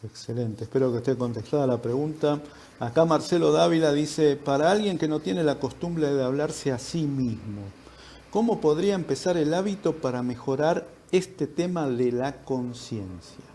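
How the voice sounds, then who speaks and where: A man's voice: on the high side, normal speed, mellow. A man hosting an online talk, briefly and politely reading out viewer questions and moving things along. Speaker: host.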